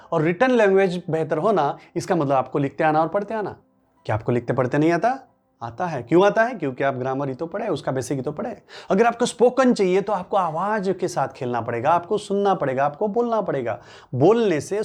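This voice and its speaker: A man from Maharashtra, a native Marathi speaker, delivers a motivational workshop lecture, firing off rhetorical questions and answering them himself. His voice sits a little high and swings widely in pitch. Faint music plays underneath. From Maharashtra, India. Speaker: English-speaking coach.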